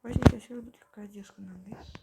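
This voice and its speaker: A woman hosting a gaming channel, giving casual gameplay commentary in soft, mostly whispered speech on a tablet mic. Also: medium pitch, fairly even intonation, rapid-fire, vocal fry, heavy background noise.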